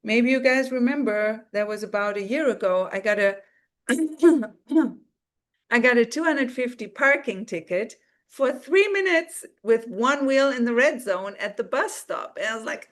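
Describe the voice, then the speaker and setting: A woman teaching on a live stream, softly coaxing listeners through a guided visualization and reading viewer comments aloud. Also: a little high, lively intonation, measured pace. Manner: soft and coaxing, guiding listeners inward. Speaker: spiritual teacher.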